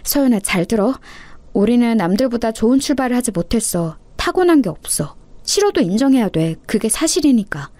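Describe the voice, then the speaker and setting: A woman's voice: fairly high pitch, lively intonation, brisk, dry recording, close to an everyday voice. A woman voicing an earnest orphan girl who firmly comforts and lectures her little sister. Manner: firm, gently scolding.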